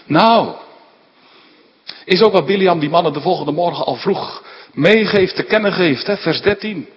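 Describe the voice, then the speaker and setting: A man preaching a sermon, explaining scripture in an emphatic, animated way with frequent rhetorical asides. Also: high-pitched, unhurried. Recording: dull sound in a large reverberant hall.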